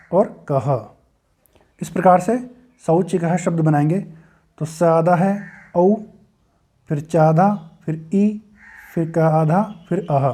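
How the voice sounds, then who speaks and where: A man teaches a recorded lesson at an unhurried pace, pronouncing each vocabulary word so students can repeat after him. His voice sits a little high but sounds dark and mellow. He builds words patiently, one letter at a time, into a close mic.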